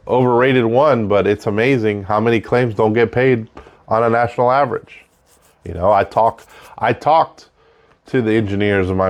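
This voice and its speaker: Low-voiced man with audible breaths between phrases. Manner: conversational, repeats points for emphasis. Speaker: host of a show about technical trade work. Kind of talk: casual unscripted monologue.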